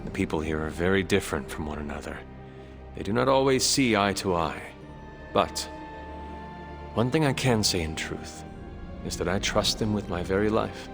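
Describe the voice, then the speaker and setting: An actor playing a calm male demon hunter with a measured, solemn, understated delivery in a video game. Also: sits low, creaky, over music.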